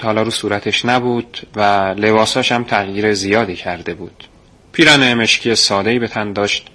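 A man narrating a story in a measured, suspenseful way. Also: fairly low pitch, sharp tone.

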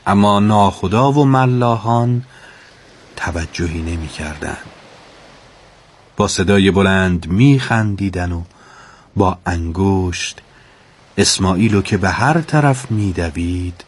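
A male storyteller reads a children's tale aloud. His voice sits low and his delivery is calm and measured, slowing down with dramatic pauses at tense moments. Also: husky. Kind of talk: storybook narration.

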